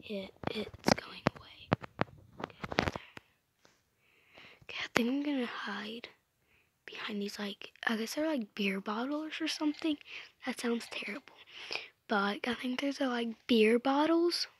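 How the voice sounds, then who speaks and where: A woman's voice: fairly high pitch, measured pace, pauses often, husky, poor audio. A woman giving casual game commentary, often dropping to an anxious whisper and filling gaps with chatty fillers. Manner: drops to an anxious whisper while hiding, chatty with many fillers. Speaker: gameplay video host.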